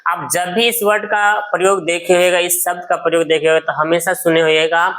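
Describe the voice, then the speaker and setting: A man's voice: sits high, fairly bright tone. A male teacher giving a grammar lesson, asking questions and answering them himself, and drawing out vowel sounds as examples.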